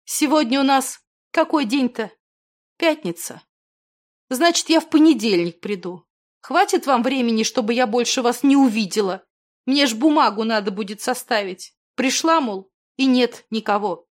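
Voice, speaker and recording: A fussy, flustered middle-aged official woman who talks higher and louder than the reader's own voice, as a woman narrator puts her on. She speaks in a rushed, defensive way in an audiobook reading. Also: lively intonation.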